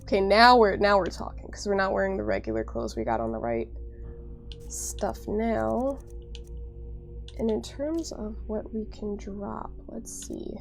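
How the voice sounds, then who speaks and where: Over soft background music, a game streamer with a stuffy, cold-affected voice chatters directly to her viewers, leaning heavily on "like." Her pitch is medium but swings widely, and she takes her time.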